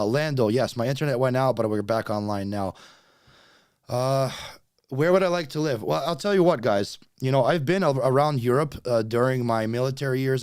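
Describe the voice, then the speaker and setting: As he sorts out technical problems, a chatty YouTube livestream host in his late thirties speaks straight to viewers. Russian by birth and native tongue, he carries a slight accent, and his medium-pitched voice has a darkish tone, recorded at studio quality with no echo.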